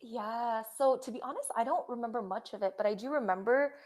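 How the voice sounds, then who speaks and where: A young woman speaks as a podcast guest in an easy, conversational way. She is friendly and relaxed, with frequent ums and a light laugh now and then. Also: on the high side, a little fast. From Indonesia. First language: Indonesian. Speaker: guest, startup founder. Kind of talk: casual interview conversation.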